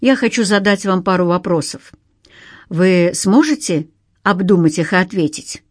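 A woman voicing a calm, unflappable male detective in an audiobook, speaking in an even, measured way. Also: lowish voice, no echo, studio quality, lightly acted.

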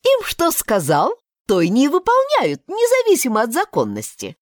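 A woman voicing a proud, sharp-tongued young woman judge who speaks haughtily and indignantly. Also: sits high, huge pitch swings, normal speed, no room sound, studio quality, pitched above the performer's own voice.

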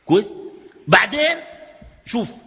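Animated Sudanese sheikh in a reverberant hall. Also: male voice, sits high, normal speed. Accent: Sudanese Arabic. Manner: animated, fires rhetorical questions at the audience. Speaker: sheikh giving a religious lecture. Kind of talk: colloquial religious lecture. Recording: reverberant hall, dull lo-fi sound.

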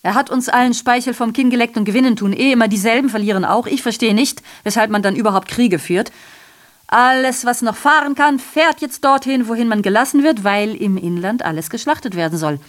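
Taking the role of a female messenger in a literary radio drama monologue, the actress relates atrocity with biting irony in a deliberate, declamatory style. Her natural voice sits on the high side, and the mood is sardonic and insistent.

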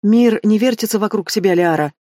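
A woman's voice: mid-range voice, brisk, mellow, no room sound, studio quality, lightly acted. A woman voicing a mocking young heroine. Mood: exasperated. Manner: mocking, cool retorts. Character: sharp-tongued young woman student, the heroine.

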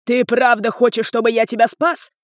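A woman voicing an enraged, brutish older father-in-law who bellows and shouts abuse. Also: a little high, lively intonation, measured pace, no room sound, studio quality. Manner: roaring, abusive shouting.

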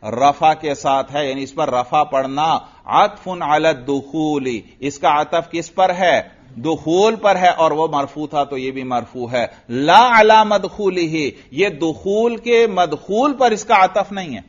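Man, high voice, grammar lecture, asks and answers his own questions, dull lo-fi recording. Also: few pauses. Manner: asks students questions and answers them himself; reads Arabic text then explains it. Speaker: Islamic scholar teaching Arabic grammar. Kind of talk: classroom lecture.

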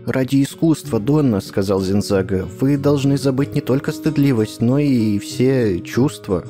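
A man's voice: medium pitch, normal speed, music in the background, pitched above the performer's own voice, close to an everyday voice. A man doing a polite, evasive novelist. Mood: courteous. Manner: smooth, courteous, rambling.

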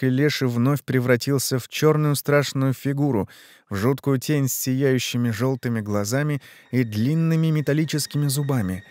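A man narrating a horror story in a steady, measured way. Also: medium pitch. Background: faint music.

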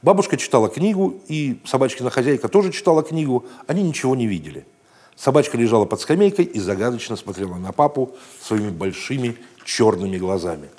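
A man reading a children's story aloud in a gentle, playful storytelling manner, raising his voice for the shouted lines. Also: medium pitch, animated, fast, slightly rough. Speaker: narrator.

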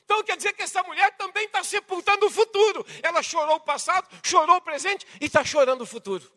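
A Brazilian Portuguese preacher with a strikingly high, bright voice delivers a dramatic sermon. He swings between forceful outbursts and hushed, intimate passages. His voice rings through a church hall with long reverb. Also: fast talker. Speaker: pastor.

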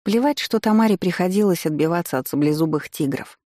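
A woman narrating a first-person audiobook in a steady, measured storytelling way. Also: fairly low pitch, no room sound, studio quality.

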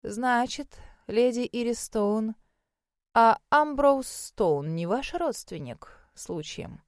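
Old male wizard examiner, put on by a woman narrator: slow, hushed, mildly probing. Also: lively intonation, no echo, studio quality. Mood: measured, musing. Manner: slow, low, murmuring delivery. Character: elderly male magic academy examiner, mild and probing.

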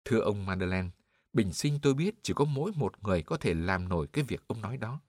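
A man voicing a cold, suspicious inspector who speaks calmly and deliberately, in an audiobook. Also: fairly low pitch, dry recording, studio quality. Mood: pointed. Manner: calm, pointed, deliberate.

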